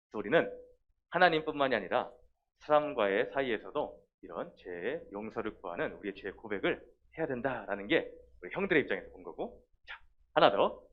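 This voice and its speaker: A man preaching a children's sermon in a lively way, talking straight to the kids and acting out little scenes. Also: medium pitch. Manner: lively, talks directly to the children and acts out quotes. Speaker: children's pastor. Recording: dull lo-fi sound.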